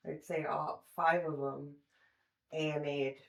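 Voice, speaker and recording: A woman speaking as a recovery coach in a podcast interview, calm and unbothered. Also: low-pitched, slow pace, gravelly. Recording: echoey room.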